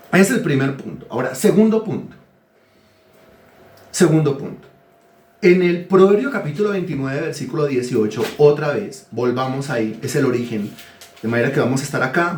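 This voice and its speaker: A man's voice: mid-range voice, moderate pace, pauses often, a little mellow, echoey room, a little hiss or hum. A man preaching a teaching sermon, asking his listeners questions and telling them what to write down. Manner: asks the congregation questions and dictates words to write. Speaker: pastor.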